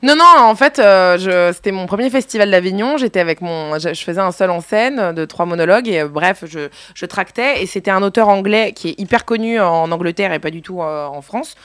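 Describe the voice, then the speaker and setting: A young adult woman, an actress, telling stories in a casual radio chat, laughing often and filling pauses with "euh". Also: mid-range voice, no echo. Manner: lively storyteller, laughs often, many fillers. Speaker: actress guest.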